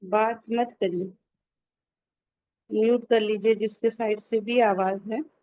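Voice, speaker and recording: A woman's voice: mid-range voice, steady tone, dark tone. A woman teaching an online recitation class, patiently repeating key points for her students to memorize over a video call. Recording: dull lo-fi online call audio.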